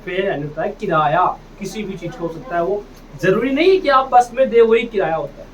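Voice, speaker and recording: A man with a high, brisk voice runs an English phonics lesson, saying each word and having the class repeat it while addressing them as "beta." The recording is distant, dull and noisy, typical of a classroom.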